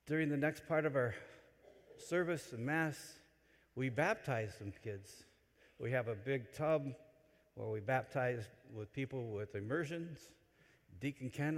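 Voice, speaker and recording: A man delivering a homily in a church, telling stories with animated swings between loud excitement and quiet asides. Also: medium pitch, creaky. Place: large church. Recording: long church reverb. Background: church hall.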